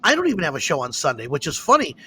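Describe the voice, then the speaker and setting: A man hosting a casual talk show, chatting and telling stories in an excitable, animated way. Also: a little high, rapid-fire, slight background noise. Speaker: host. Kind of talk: casual chat.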